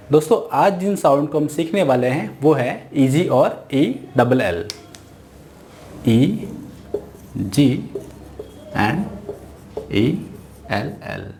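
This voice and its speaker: An Indian man teaching an English phonics lesson, spelling out each sound slowly and repeating every word. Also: medium pitch.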